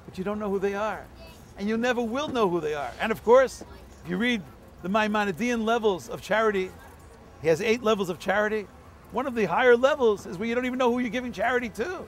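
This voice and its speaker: A man's voice: high voice, quick pace. A man, a rabbi, giving a holiday video message outdoors in a city, teaching through stories and Hebrew quotations.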